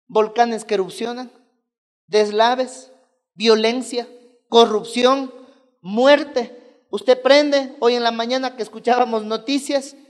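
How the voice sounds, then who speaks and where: A woman preaching a sermon, emphatic, repeating key words and calling on the congregation. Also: on the high side. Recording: long reverb of a hall.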